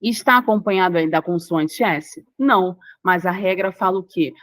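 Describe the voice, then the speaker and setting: A woman's voice: fairly low pitch, moderate pace, a bit bright, no room sound. A woman with a Brazilian Portuguese accent teaching a grammar lesson for exam prep, explaining rules step by step, repeating key words and checking whether the listener follows.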